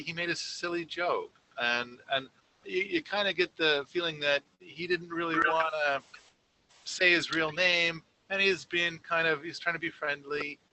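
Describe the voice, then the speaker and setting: A man's voice: fairly high pitch, unhurried, pushed and bright, a little hiss or hum, rough recording. A man co-hosting a casual podcast, rambling through a story with many fillers and restarts. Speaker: podcast co-host. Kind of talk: casual conversation.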